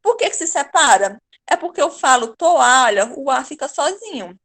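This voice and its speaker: A middle-aged Brazilian woman teaches grammar to a class, her voice pitched high. She patiently repeats example words, drawing them out slowly to show how the syllables split. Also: big pitch swings, fairly bright tone. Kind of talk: online Portuguese grammar lesson.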